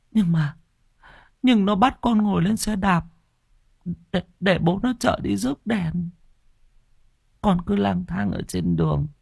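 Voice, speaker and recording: A man voicing a frightened young boy in an audiobook, his voice pushed high and strained. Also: vocal fry, husky, no room sound, studio quality, heavily acted.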